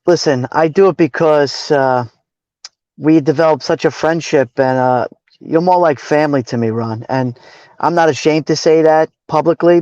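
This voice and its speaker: A man's voice: a little high, darkish tone, smooth, no echo, highs cut off. A man from New York with a Brooklyn accent, chatting casually and earnestly as a livestream co-host, repeating phrases for emphasis. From New York City, raised in Brooklyn. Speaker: livestream moderator and cameraman co-host.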